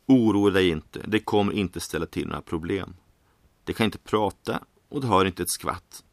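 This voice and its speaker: A man's voice: sits low, no echo. A man doing an eager eccentric inventor. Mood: enthusiastic. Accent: faint, vague Eastern European and American. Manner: enthusiastic, warm, confiding.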